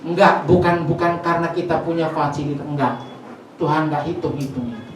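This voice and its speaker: A male pastor giving an emotional sermon with a personal testimony, shifting between soft and loud, often turning to address the congregation. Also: a little high, level tone, a little fast. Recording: very echoey hall, mic far off, faint noise.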